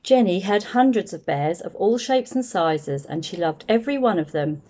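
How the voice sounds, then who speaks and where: Reading a children's picture book aloud, a woman speaks at medium pitch, expressive and deliberate as she tells the story.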